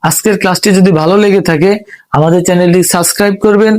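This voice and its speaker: A man's voice: high voice, steady tone, very fast, a little mellow. A Bangladeshi man teaching an English reading class, patiently spelling out letters and repeating sounds step by step. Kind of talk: step-by-step spoken lesson.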